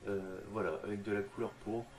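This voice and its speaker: A man talking through a miniature painting tutorial in a casual, halting way, full of fillers and restarts. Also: on the low side, flat delivery, slight background noise. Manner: hesitant, lots of fillers and restarts, addresses viewer informally.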